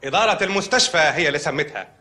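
An actor playing a calm, solemn doctor delivering absurd news in a comedy. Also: male voice, fairly high pitch, rapid-fire. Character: deadpan hospital doctor, middle-aged man. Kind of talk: comedic film acting.

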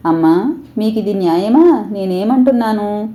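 A woman's voice: mid-range voice, lively intonation, unhurried, warm tone, voice pushed up, natural voice. Woman voicing a timid, pleading young wife. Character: meek, frightened young wife.

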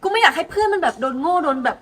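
A woman's voice: very high voice, lively intonation, very fast, a bit bright. A woman playing a brash, quarrelsome teenage schoolgirl using coarse slang, in an amateur student drama. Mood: argumentative.

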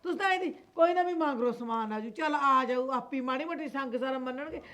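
A woman playing a sharp-tongued mother-in-law who scolds and mocks, in a Punjabi accent. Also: high-pitched, a little fast. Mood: scolding. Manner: scolding, sarcastic. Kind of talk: acted family drama.

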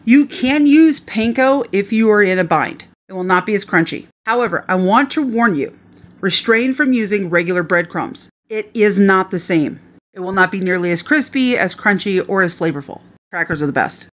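This is a retired professional chef, a middle-aged woman from the American Midwest, narrating a home cooking video into a phone close by in her kitchen. She speaks in a mid-range voice at a normal speed, sounding chatty, energetic and instructive.

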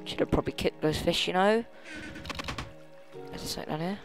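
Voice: mid-range voice, brisk, over music. A gamer giving casual commentary while playing, rambling and thinking aloud, often trailing off mid-sentence. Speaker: let's play gamer.

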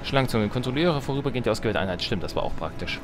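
A man with an expressive, medium-pitched voice races through casual let's play commentary, tossing in jokes and talking to himself. Behind him play the music and sounds of a strategy game.

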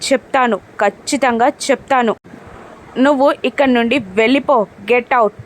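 A woman voicing an angry young man who scolds and shouts at the woman he left. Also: on the high side, fairly even intonation, moderate pace, a little hiss or hum, close to an everyday voice. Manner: harsh, scolding, shouted lines.

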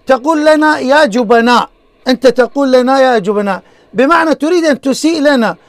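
A man hosting a call-in debate, pleading and repeating himself to calm a heated guest. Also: extremely high pitch, brisk, no echo. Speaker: debate show host.

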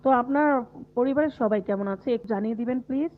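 A woman's voice: on the high side, fast. Feverish woman chatting on a tinny live stream. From Bangladesh. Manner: chatty, answers viewer comments, laughs often. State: unwell with fever and body aches. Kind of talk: casual live-stream chat with viewers. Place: closed room at home.

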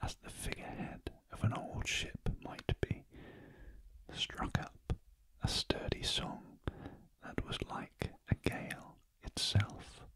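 A man with a British accent reads a classic story aloud as ASMR in a very gentle, breathy, unvoiced whisper, close to the listener's ears. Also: rough recording. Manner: very gentle, hushed, deliberate. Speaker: audiobook narrator. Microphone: close ear-to-ear stereo microphone.

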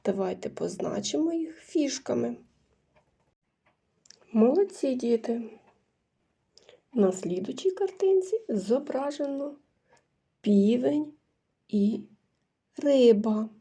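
A woman's voice: fairly high pitch, sing-song, takes it slowly, vocal fry, pauses often, mellow, husky. A woman teaching young children a phonics lesson, patiently asking questions, answering them herself and praising the class. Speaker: kindergarten teacher.

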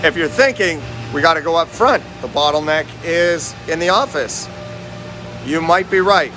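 A man's voice: fairly high pitch, normal speed, music in the background. A man in his forties walks through a factory on a phone vlog, talking straight to viewers as a lean manufacturing consultant and quizzing them with questions. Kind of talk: walking factory-tour vlog. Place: large indoor factory warehouse. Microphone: phone held at arm's length, selfie framing.

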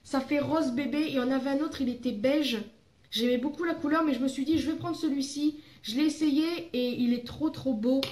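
A woman's voice: high voice, brisk, darkish tone, reverberant. A young woman from France chatting in a casual haul vlog, rambling with fillers and self-corrections. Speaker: beauty vlogger.

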